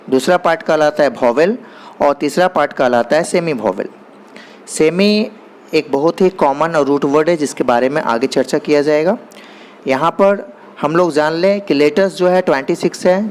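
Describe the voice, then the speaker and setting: A man teaching basic grammar, explaining in Hindi and reading definitions slowly and deliberately. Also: fairly high pitch. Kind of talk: explanatory lesson.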